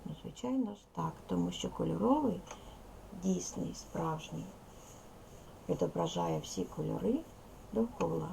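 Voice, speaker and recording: Gravelly-voiced woman teaching young children. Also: fairly low pitch, big pitch swings, warm tone, a little hiss or hum. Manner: slow, instructive, repeats key words for children. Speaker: primary school teacher. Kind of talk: teaching a second-grade language lesson.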